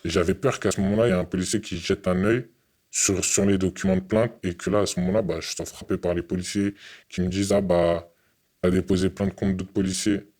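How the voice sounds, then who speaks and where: A young man from France giving an earnest, halting interview testimony, often repeating his words. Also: low-pitched, steady tone, darkish tone.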